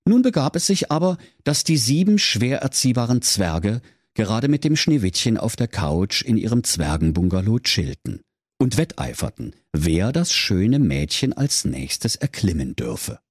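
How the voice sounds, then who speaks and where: A man's voice: fairly low pitch, sing-song, a little slow, breathy edge, no room sound, studio quality. A man narrating a comic fairy tale in a mock-solemn storytelling manner.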